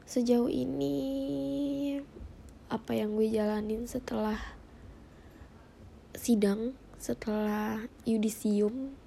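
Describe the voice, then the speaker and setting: Young woman with a stuffy blocked nose, mellow and flat, casual rambly monologue. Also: a little high, creaky, a little hiss or hum. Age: 20s. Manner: informal slang, hesitant and pausing. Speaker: personal podcaster.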